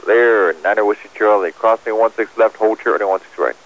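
A man's voice: on the low side, a little fast. A man working as an air traffic controller gives clipped, terse instructions over a crackly radio transmission. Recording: muffled, crackly aviation radio recording.

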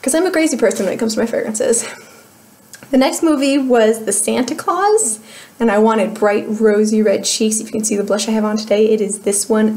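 A young Midwestern woman with a voice on the high side and a darkish tone gives a casual, chatty product update for her beauty vlog. She rambles and laughs at herself, recorded on a webcam in a small room at home.

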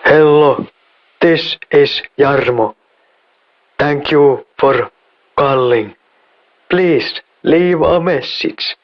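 A man leaves a slow, deliberate answering machine greeting, drawing out each word, heard over a landline phone. His voice is fairly high, and the sound is muffled and lo-fi. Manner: slow, deliberate, drawn-out words. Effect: answering machine message over a landline phone.

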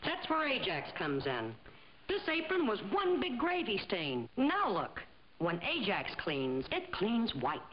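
A brisk, no-nonsense diner owner pitches in a vintage TV advert. Her voice is animated. The soundtrack is muffled with faint hiss.

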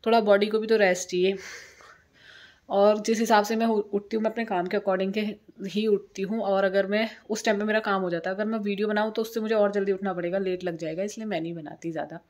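A woman's voice: medium pitch, fairly even intonation, quick pace, a little mellow. A woman in her thirties chatting casually to camera as a home vlogger, rambling and repeating herself. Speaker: vlogger and single mother. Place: indoors by a sunny window at home.

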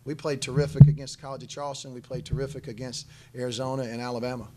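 A middle-aged head basketball coach, seated at a table in a press conference room, responds emphatically to questions via a desk microphone on a stand, often restarting and repeating himself. He speaks quickly in a mid-range voice with little pitch variation, and a crowd can be heard in the background.

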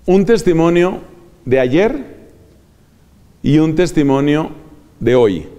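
A man teaching how to preach, in a measured lecture manner that shows off his vocal range. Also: fairly high pitch, very animated, warm tone. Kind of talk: homiletics lecture. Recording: long hall reverb.

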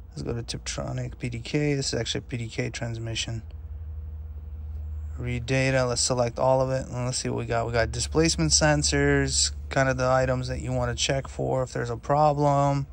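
A man's voice: medium pitch, normal speed, gravelly, a little hiss or hum. Mechanic guy chatting casually while he pokes at a scan tablet in the car, laid-back, some ums. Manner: relaxed, matter-of-fact, with fillers. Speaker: auto mechanic reviewing a scan tool. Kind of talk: casual hands-on demo narration. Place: inside a car in a workshop.

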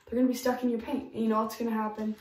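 A woman's voice: fairly high pitch, flat delivery, rapid-fire, a little mellow, echoey room, distant mic, slight background noise. A young woman giving casual, emphatic DIY tips in a home bathroom, recorded by a camera in front of her. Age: young adult. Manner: chatty, emphatic, upbeat. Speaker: DIY vlogger.

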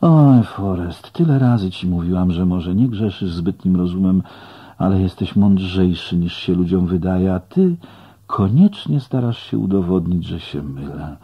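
A man voicing a young woman who gently scolds and lectures, in a storybook reading. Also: deep voice, expressive, a little slow, slightly rough, dull audio, exaggerated voice. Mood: chiding.

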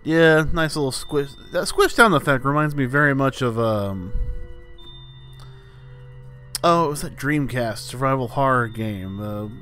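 A man's voice: mid-range voice, moderate pace, fairly bright tone, faint music behind. A man commenting on a video game as he plays it, with dry, wry humor and meandering asides. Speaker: let's play host. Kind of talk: gameplay commentary.

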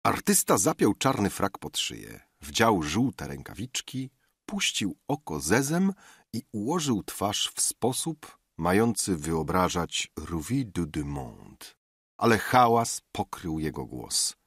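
A man narrating a classic novel in a measured, expressive reading. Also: low-pitched, breathy edge, dry recording, clean studio sound. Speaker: audiobook narrator. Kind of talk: scripted narration.

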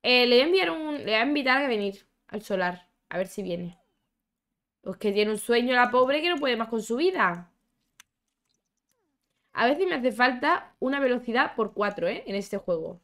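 A young woman with a somewhat high voice, chatting her way through a life-sim game. She exclaims a lot, talks back to her characters and reads out chat from her viewers in a loose, playful commentary. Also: sing-song, normal speed, fairly bright tone. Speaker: gaming YouTuber. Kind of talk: casual gameplay commentary.

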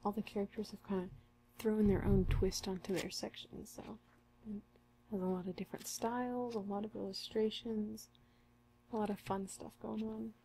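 A young woman in an ASMR role-play as a friendly, helpful librarian, speaking in a soft, intimate library soft voice. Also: mid-range voice, fairly even intonation, moderate pace, vocal fry, slight background noise, rough recording. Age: young adult. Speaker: ASMR performer playing a librarian. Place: small curtained room indoors.

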